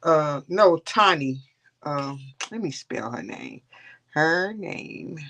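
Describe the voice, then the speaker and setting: A woman's voice: deep voice, sing-song, takes it slowly, fairly bright tone. A woman hosting a casual coloring livestream, rambling and chatting with her viewers. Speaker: livestream host.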